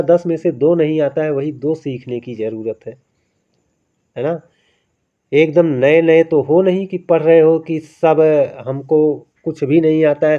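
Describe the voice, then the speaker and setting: A man with a fairly high voice runs an exam-prep lesson on Hindi spelling. He talks in a coaxing, repetitive way and keeps checking in with tag questions. The sound is dull and lo-fi. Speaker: Hindi grammar teacher.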